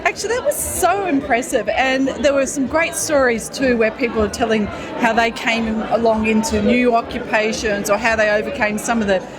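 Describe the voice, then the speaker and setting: A woman's voice: fairly high pitch, fairly even intonation. Upbeat woman minister. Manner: upbeat, with frequent "uh" pauses. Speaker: government minister. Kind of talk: event interview. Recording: event with music and crowd chatter.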